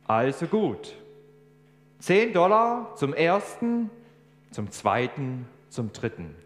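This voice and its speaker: A man's voice: medium pitch, sing-song, a little slow. A man voicing a stubborn male auctioneer who calls out bids emphatically. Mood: insistent. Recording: echoey hall, faint hum.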